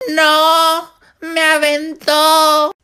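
A man's voice: extremely high pitch, monotone, very slow, heavily acted. A man with a Mexican accent voicing a short-tempered, cursing mother in a comedy sketch. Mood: furious. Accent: Mexican Spanish. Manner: yelling, cursing, bossy.

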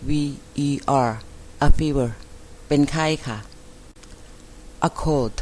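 A woman teaching an English vocabulary lesson, repeating each word and spelling it out letter by letter with careful, deliberate enunciation. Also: rumbling low, warm tone, slight background noise. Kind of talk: slow vocabulary lesson, spelling words aloud.

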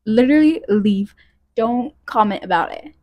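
Chatting to camera vlog-style, this young college student wanders into gossipy tangents, starting in her home kitchen with a phone propped at arm's length and later moving to a bedroom with a handheld mic. Her fairly high voice has lively intonation, a moderate pace and a slightly mellow quality. The audio is poor.

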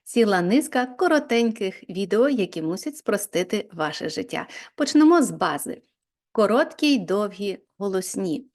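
A woman's voice: mid-range voice, expressive, normal speed, a little mellow. A woman teaching English spelling in a video lesson, explaining patiently step by step and reading example words aloud.

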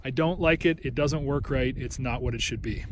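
A man of middle pitch talks in a loose, rambling way, full of restarts and "um"s. He is recording outdoors on a handheld phone. Clear engine noise runs under his voice. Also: moderate pace. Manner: rambling, with restarts and filler words. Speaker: snowmobile reviewer. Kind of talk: casual walkaround review. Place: outdoors on snow beside a snowmobile. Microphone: handheld phone camera.

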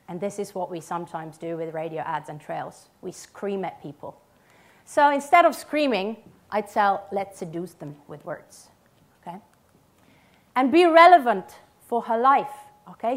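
Woman conference speaker, mid-pitched voice, emphatic, punchy phrasing, theatre stage, clip-on mic. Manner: emphatic, short punchy statements and check-in questions. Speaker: conference speaker, radio ad writer. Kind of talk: conference presentation.

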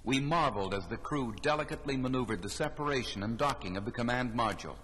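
A man's voice: mid-range voice, quick pace, fairly bright tone. A man narrates a scripted documentary with solemn, grand phrasing. His mid-range voice rings in a long reverb on an old vinyl record with faint noise.

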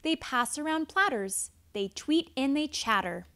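A woman narrating a children's picture book in an expressive read-aloud style, with deliberate dramatic pauses. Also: high voice. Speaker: storybook narrator.

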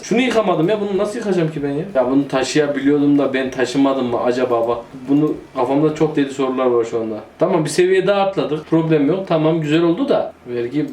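A man's voice: a little high, a little mellow, slight background noise. Chatty man playing a city builder. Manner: chatty, joking, talks to himself while playing. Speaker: gaming YouTuber. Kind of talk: casual gameplay commentary. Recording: roomy echo.

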